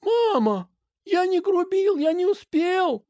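A woman voicing Dima, a young boy who is earnest and upset, in a high pleading voice. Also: very animated, takes it slowly, mellow, no echo, studio quality, exaggerated voice.

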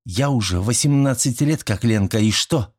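A man's voice: medium pitch, normal speed, darkish tone, slightly rough, voice pushed up, close to an everyday voice. A man reading an audiobook, voicing a quarrelsome teenage schoolgirl with scornful, snappy retorts in a raised voice. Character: sharp-tongued teenage schoolgirl, quarrelsome and mocking. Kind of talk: audiobook character voice.

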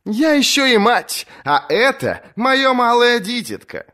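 A man's voice: very high voice, big pitch swings, unhurried, sharp tone, voice pushed up, full character voice. A man voicing a fierce young female sea captain who taunts her rivals, in an audiobook reading. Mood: defiant mocking. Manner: mocking, taunting, commanding.

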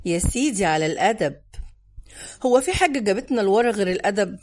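A woman voicing a chatty adult man, a history buff and young father, with an Egyptian accent and an animated manner, in an audiobook. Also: mid-range voice, quick pace, voice pushed down, lightly acted. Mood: lively. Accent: Egyptian Arabic. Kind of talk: audiobook character voice.

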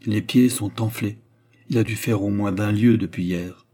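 Here is a composed doctor explaining a patient's state in a matter-of-fact way, read by a man. The voice is low and husky, with a mellow, dark tone. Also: steady tone, normal speed, lightly acted. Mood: clinical. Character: male doctor, calm professional.

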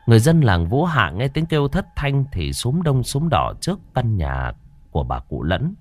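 A man narrating a horror story in a dramatic, expressive way. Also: mid-range voice, moderate pace, dry recording, faint music behind.

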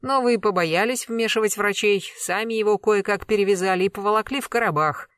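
A stern former colonel pressing a suspect, voiced by an audiobook reader. Measured, cold and relentless, with a commanding edge. Dry, close sound. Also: medium pitch, fairly bright tone, dry recording, voice pushed up, natural voice. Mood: accusing. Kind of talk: audiobook character reading.

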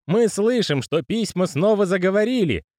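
A jittery old postman from an audiobook, put on by a male narrator, with a high, piping voice that swoops up and down. He pleads and protests in an agitated rush. Dry, close sound. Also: animated, normal speed, a little mellow, no room sound. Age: older.

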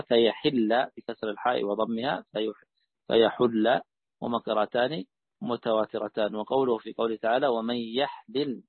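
Husky sheikh over a thin phone line. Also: male voice, medium pitch, no room sound. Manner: repeats words slowly to show their pronunciation. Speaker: sheikh teaching tafsir. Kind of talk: explaining readings of a text.

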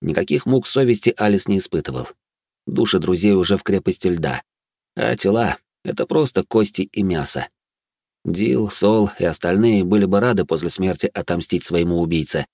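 A man reading a fantasy audiobook aloud in a steady, measured way. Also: sits low, creaky, slightly rough, no room sound, clean studio sound. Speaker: audiobook narrator. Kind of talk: scripted fantasy narration.

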